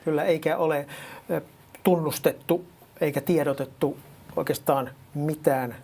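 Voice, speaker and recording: An interviewer asking measured questions in a news studio, pausing with fillers. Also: medium pitch, fairly even intonation, creaky, mellow.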